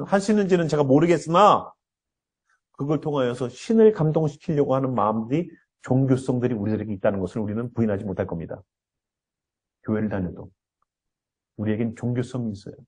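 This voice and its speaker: A man's voice: mid-range voice, darkish tone, husky. A male pastor preaching an earnest sermon, often acting out the voices he quotes.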